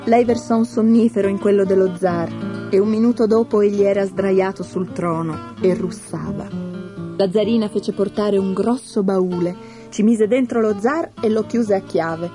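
A woman narrating a fairy tale in a steady, measured scripted reading. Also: mid-range voice, music in the background. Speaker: storyteller.

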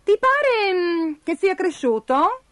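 A woman voicing an eager, excitable young boy character in a storybook reading. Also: very high voice, slow, no room sound, pitched above the performer's own voice, exaggerated voice.

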